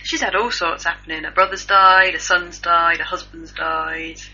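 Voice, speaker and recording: A woman's voice: on the low side, steady tone, normal speed, sharp tone, faint music behind. A woman hosting a casual news chat, talking in a chatty, gossipy, self-mocking way. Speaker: host. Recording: muffled lo-fi recording.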